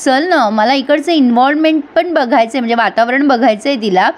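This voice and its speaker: A woman voicing a spoiled young city fiancée who mixes English words into her talk, in a pleading, drawn-out tone. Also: high voice, natural voice. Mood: pleading, fussy.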